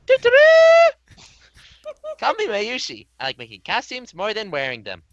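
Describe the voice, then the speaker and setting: A man's voice: very high-pitched, huge pitch swings, measured pace, a bit bright, dry recording, muffled recording, voice pushed up, full character voice. A man voicing a bubbly, cutesy young cosplayer girl from an anime game. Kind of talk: hobby dub reading of a visual novel game.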